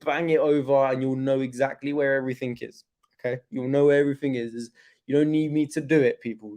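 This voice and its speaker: A young man hosting a crypto livestream, chatting casually, loose with slang, slowed by pain from his hip. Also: mid-range voice, a little mellow. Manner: chatty, laid-back, loose with slang and fillers.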